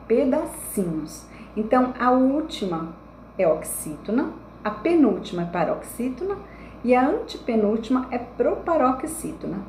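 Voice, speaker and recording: A young woman teacher giving a recorded online lesson to children, explaining slowly and checking in with frequent tag questions. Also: fairly high pitch, a little mellow. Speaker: primary school teacher. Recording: echoey room with faint background noise.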